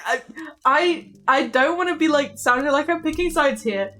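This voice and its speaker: A woman's voice: high voice, normal speed, fairly bright tone. A woman streamer commenting on a game playthrough with giggly, joking asides.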